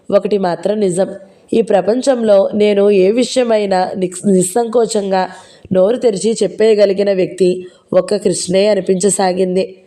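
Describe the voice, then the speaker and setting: A woman with a Telugu accent narrating a novel in the first person, in a steady, gently expressive reading voice. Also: medium pitch.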